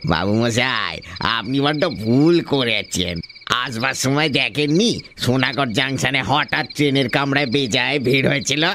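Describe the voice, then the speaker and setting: A man voicing a sly rural male tea seller who speaks slowly and knowingly. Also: mid-range voice, animated, bright, forceful tone, slight background noise. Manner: slow, knowing, chuckling.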